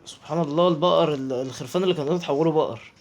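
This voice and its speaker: A man's voice: on the high side, rapid-fire, a little mellow. A man with an Egyptian Arabic accent giving chatty let's play commentary, talking to himself and his viewers as he plays. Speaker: gaming YouTuber.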